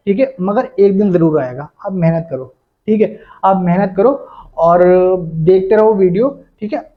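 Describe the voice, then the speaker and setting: Young Indian man teaching English casually. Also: sits high. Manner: repeats a filler after nearly every phrase. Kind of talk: casual spoken English lesson. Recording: dull lo-fi sound.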